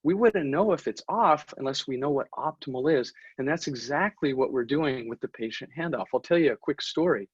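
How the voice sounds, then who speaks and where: Man, dentist lecturer, husky voice, lively intonation, dull dry webinar audio. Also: mid-range voice, a little fast, few pauses, dry recording. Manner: animated, acts out office dialogue in stories. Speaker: dentist giving a continuing-education talk. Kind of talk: online lecture with storytelling. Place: at home, away from the office. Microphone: webinar computer mic.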